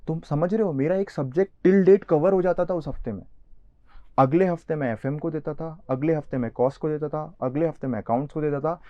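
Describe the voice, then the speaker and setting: Young indian guy teaching online, dark dry voice, bit lo-fi, chatty with students. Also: on the high side, no room sound. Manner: chatty, addresses students directly, mixes English terms. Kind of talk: live online lecture. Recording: slightly dull, lo-fi.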